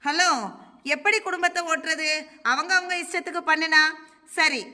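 A woman playing a counselor who asks a family gentle, probing questions and mildly scolds. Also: very high voice, fairly even intonation, moderate pace, in a large hall, heavily acted. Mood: calm. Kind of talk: amateur comedy stage acting.

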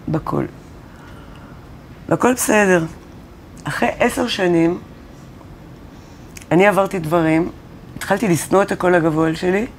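A woman's voice: fairly low pitch, slight background noise. A woman singer-songwriter telling stories in a casual interview, acting out the dialogue she quotes. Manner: animated storyteller who acts out quoted dialogue. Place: college studio or classroom.

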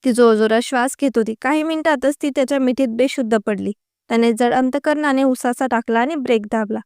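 A woman narrating a story in an even, unhurried reading voice. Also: a little high, smooth, dry recording, clean studio sound.

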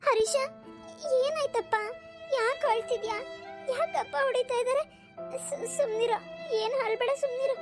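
A woman's voice: very high-pitched, fairly even intonation, moderate pace, pauses often, music in the background, pitched above the performer's own voice. A woman voicing a caring older sister in a cartoon who comforts her crying brother. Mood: soothing. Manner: soothing, comforting.

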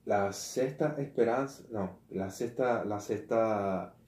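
Man, lay preacher, slow and mellow, stops and restarts a lot, roomy echo. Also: on the low side. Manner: halting, self-correcting, slangy asides. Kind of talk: casual informal preaching.

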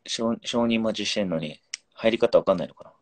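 Fast-talking man hosting a live stream. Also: lowish voice. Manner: quick, teasing, reads viewer comments. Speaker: pro footballer, live-stream host. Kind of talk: casual live-stream chat.

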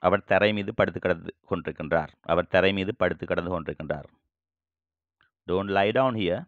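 A man teaching English vocabulary, saying each phrase slowly and then repeating it in translation. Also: sits low, dry recording, lo-fi sound. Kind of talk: bilingual vocabulary lesson.

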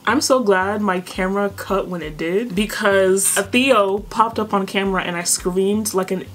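A young woman YouTuber reading a story game aloud and commenting, excitable and giggly. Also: medium pitch, normal speed, slight background noise. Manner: excitable, giggly, shrieks when thrilled. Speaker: gaming YouTuber. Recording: background game music.

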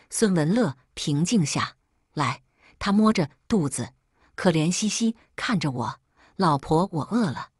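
Woman, story narration, first-person, wry, unbothered, husky voice, dry close recording. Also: mid-range voice, darkish tone, dry recording.

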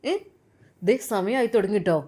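A woman's voice: medium pitch, moderate pace, mellow, lightly acted. A woman voicing a young man's friend who asks puzzled, concerned questions.

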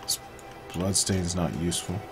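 A man's voice: deep voice, flat delivery, normal speed, music in the background. A man casually commenting while playing a video game, crude, joking and sarcastic. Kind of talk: let's play commentary.

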